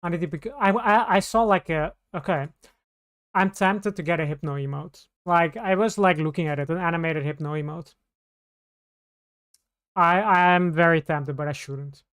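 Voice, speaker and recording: A woman's voice: on the low side, moderate pace. A woman streamer chatting casually on a live stream, rambling and restarting her sentences. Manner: rambling, scattered, with many restarts.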